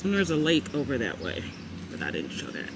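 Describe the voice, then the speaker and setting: A woman in her fifties films her own vlog on a phone, chatting casually and directly to viewers at a park and in her parked car, with lots of fillers. Her low-pitched voice swoops wildly in pitch at a brisk pace, and background noise comes through.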